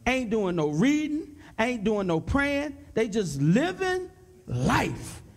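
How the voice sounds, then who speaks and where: High-voiced, fervent preaching man. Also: slow pace. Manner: fervent, repetitive exhortation; gets excited and loud. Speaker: pastor. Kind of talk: preaching in a panel discussion.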